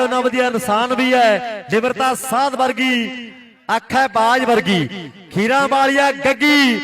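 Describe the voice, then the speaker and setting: Punjabi male for frantic rural sports commentary, very high emphatic calls with clear crowd noise. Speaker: kabaddi commentator. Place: outdoor village sports ground.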